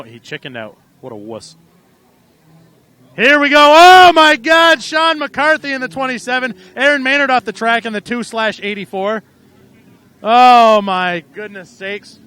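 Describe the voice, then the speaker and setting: A man with a high, sharp voice calls a live race outdoors at a small racetrack. He is loose and irreverent, swears freely, and gets excited as the cars tangle. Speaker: race announcer.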